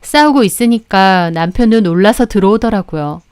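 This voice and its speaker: Smooth-voiced woman narrating a story. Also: mid-range voice, expressive, moderate pace, a little mellow, no room sound, studio quality. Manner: firm, matter-of-fact retelling.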